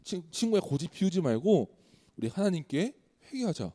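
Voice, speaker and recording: A man's voice: sits high, big pitch swings, normal speed, dark tone, long reverb tail. A man voicing Job's preachy male friends, who lecture him insistently to repent, in a children's sermon.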